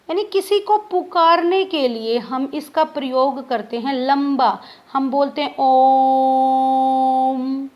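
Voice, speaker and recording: A woman teacher giving a grammar lesson to students, spelling out sounds one by one. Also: high voice. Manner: slow, spells out sounds letter by letter.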